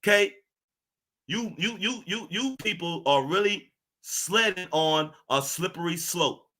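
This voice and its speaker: High-voiced man on a profane, angry rant. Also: expressive, unhurried, bright, forceful tone. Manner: ranting, profane, confrontational, repeats phrases. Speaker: channel host. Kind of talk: angry monologue to camera.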